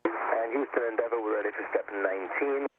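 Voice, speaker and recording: A shuttle crew member making clipped, procedural calls over a crackly air-to-ground radio link. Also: male voice, fairly low pitch, a little fast, far from the mic. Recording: hissy narrow radio transmission.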